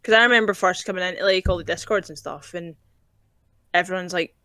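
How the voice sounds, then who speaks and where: A woman's voice: lowish voice, brisk, pushed and bright, no echo. Chatty Scottish woman, dry close mic. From Scotland. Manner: chatty, swears freely. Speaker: podcast guest. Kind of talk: casual chat.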